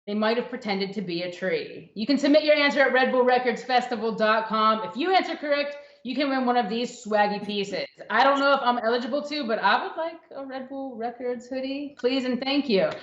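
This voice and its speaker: Woman livestream host, higher voice, playful, roomy echo, dull lo-fi sound. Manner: chatty, playful, fast asides. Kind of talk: upbeat livestream hosting.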